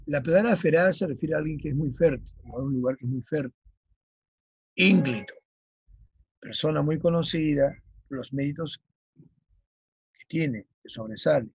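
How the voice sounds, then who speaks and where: Very husky, gravelly male teacher. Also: on the high side, darkish tone, dry recording, low-quality recording. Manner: checks understanding with frequent "ya?"; slow, emphatic dictation of key terms. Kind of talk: vocabulary lesson for exam prep.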